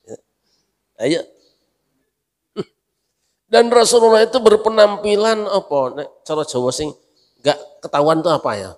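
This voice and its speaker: A man preaches to a congregation in a fairly high voice. He tells stories and acts out the voices in them, joking with the listeners as he goes. The long reverb of a mosque hall trails behind every phrase. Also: measured pace, long pauses. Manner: lively storytelling, acting out quoted voices, joking with the audience. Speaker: kyai preacher.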